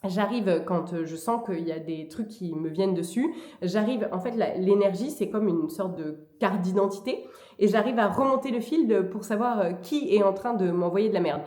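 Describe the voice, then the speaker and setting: A woman talking casually and hesitantly in a vlog, with frequent pauses as she gives advice. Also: medium pitch, dark tone. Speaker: vlogger. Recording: echoey room.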